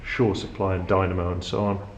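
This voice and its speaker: A man's voice: sits low, little pitch movement, a little fast. A man acting as tour guide, explaining machinery in an informal, unscripted way inside a ship's engine room. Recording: echoey metal room, background hum.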